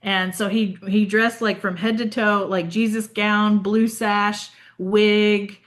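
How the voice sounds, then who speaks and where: A woman co-hosting a casual podcast, telling stories in an animated way and acting out the quotes. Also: mid-range voice, slow. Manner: animated storyteller who acts out quotes. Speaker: podcast co-host. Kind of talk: casual storytelling chat.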